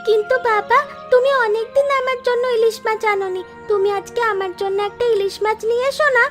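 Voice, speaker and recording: Lady doing a squeaky little cartoon village girl, childlike and pleading. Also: fairly even intonation, brisk. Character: young village girl, fisherman's daughter, eager. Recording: music underneath.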